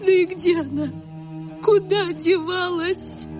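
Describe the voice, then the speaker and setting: A woman's voice: very high voice, steady tone, slow, over music, pitched above the performer's own voice. A woman playing a tearful, lamenting peasant maid. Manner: tearful, sing-song lamenting.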